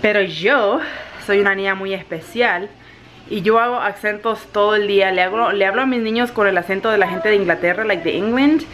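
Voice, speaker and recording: In a casual home vlog from her kitchen and laundry area, a woman with a mid-range voice talks a little fast. The chatty, expressive vlogger mixes Spanish and English freely, and the recording picks up a lot of household noise.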